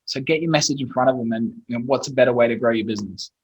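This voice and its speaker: An Australian man in his thirties, appearing as a guest SEO expert, talks bluntly and casually in an interview chat, swearing mildly. His mid-range voice races along, a little mellow and slightly rough, on a low-quality recording.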